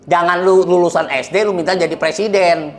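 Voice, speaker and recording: A man's voice: sits high, steady tone, a little fast. Blunt joking man. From Indonesia. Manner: blunt, joking, laughs often, preachy. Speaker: guest, convert sharing his story. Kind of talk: casual chat.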